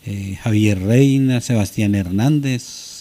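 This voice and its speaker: A man's voice: on the low side, slow, mellow. A man, a sports radio reporter talking earnestly and emphatically.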